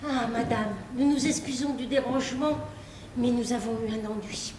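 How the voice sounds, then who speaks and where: A woman's voice: a little high, moderate pace, far from the mic, natural voice. A woman acting a scheming female thief who poses as a traveller and stumbles through her excuses in an amateur stage play. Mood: hesitant. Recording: echoey stage hall picked up from afar, with noise.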